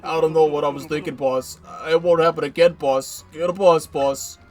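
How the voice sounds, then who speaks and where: A man voicing a loud, blustering mob henchman in a raised voice. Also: a little high, fairly even intonation, moderate pace, soft background music, natural voice.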